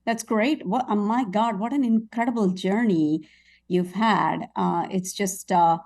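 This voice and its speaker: A woman hosting an interview, effusive and chatty with plenty of fillers. Her tone is warm and mellow. She sounds a little distant from the microphone. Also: mid-range voice, a little slow. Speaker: show host interviewer. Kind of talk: interview conversation.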